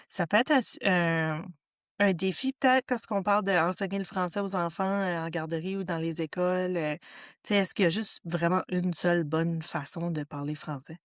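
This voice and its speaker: A woman's voice: lowish voice, normal speed, no room sound, studio quality. Woman. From New Brunswick. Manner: hesitant, many fillers and "tu sais". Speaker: podcast co-host. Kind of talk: casual conversation.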